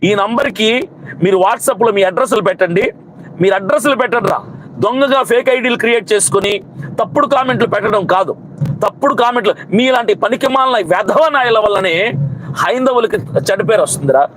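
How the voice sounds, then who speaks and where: Fiery high-voiced man over traffic noise. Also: brisk, a bit bright, low-quality recording. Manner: fiery, scolding, piles up repeated rhetorical questions. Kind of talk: impassioned protest speech to camera.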